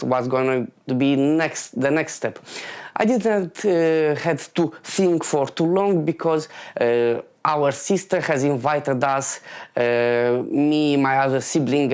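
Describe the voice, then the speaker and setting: A man in his late twenties from Moldova, delivering a halting stand-up comedy monologue full of fillers and restarts. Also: on the high side, a little mellow, clear, resonant tone.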